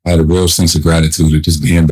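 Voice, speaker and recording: A man's voice: very deep voice, flat delivery, fast, darkish tone, slightly rough. A man talking reflectively in a clip played back in an editing tutorial, his voice muffled as if heard through a wall, with background noise.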